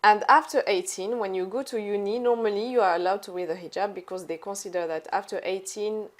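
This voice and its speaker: Young woman, interview guest, chatty storytelling, filler-heavy, mid pitch. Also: fairly even intonation, brisk. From born in Algeria, raised in France. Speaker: guest, entrepreneur. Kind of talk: casual conversational storytelling.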